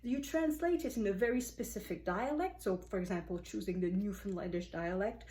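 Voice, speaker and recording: A woman's voice: mid-range voice, brisk, mellow. Female book vlogger, casual review talk, explanatory, lots of fillers. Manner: thoughtful, explanatory, frequent uh and um fillers.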